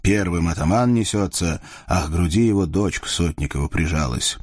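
A man narrating a folk-style tale in a lilting storybook manner. His voice sits low and husky. The recording is dry and close. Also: moderate pace, darkish tone, no echo.

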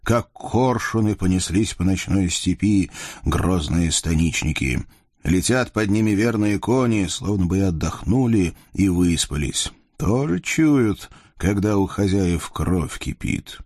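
A man narrating a folk-style tale in a lilting storybook manner. His voice sits low and husky. The recording is dry and close. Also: expressive, measured pace, a little mellow, no echo.

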